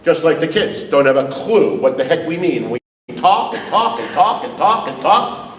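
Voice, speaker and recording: A man's voice: a little high, lively intonation, normal speed. A man presenting a workshop to teachers, theatrical and sarcastic, firing rhetorical questions at his audience. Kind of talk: animated seminar talk to an audience. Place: large room before an audience. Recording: echoey hall, distant mic, background noise.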